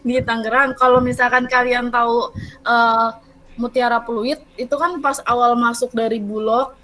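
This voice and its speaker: Young woman, somewhat high pitch, rambling casual storytelling, podcast guest. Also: flat delivery, normal speed, fairly bright tone, poor audio. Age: young adult.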